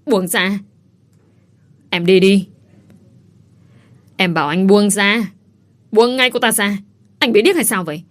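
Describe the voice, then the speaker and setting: A woman voicing a jealous young wife who shouts in a frantic, furious way. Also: mid-range voice, slow pace, pauses often, close to an everyday voice.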